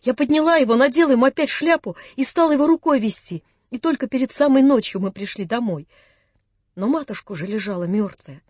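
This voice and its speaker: A narrator reading classic prose for an audiobook in a soft, measured storytelling manner. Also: high-pitched, no room sound.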